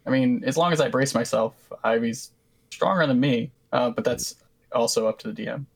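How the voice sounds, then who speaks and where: A man's voice: mid-range voice, moderate pace, gravelly. Casual man at a tabletop game. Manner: casual, laughing, stammers. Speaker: player. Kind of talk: tabletop role-play chat.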